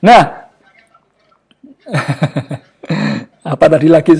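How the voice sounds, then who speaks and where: A man giving a casual, jokey motivational talk to a live online audience, often pausing for words. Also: fairly high pitch, expressive, creaky, a little mellow, breathy edge. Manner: chatty and jokey, often searching for words with fillers. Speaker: online class speaker.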